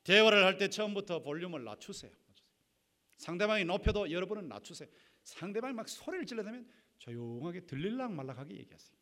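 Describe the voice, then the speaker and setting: A man preaching a sermon to his congregation, acting out quarrelling spouses and swinging between loud bursts and near-whispers. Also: high-pitched, lively intonation, quick pace. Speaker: pastor. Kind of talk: sermon on marriage conflict.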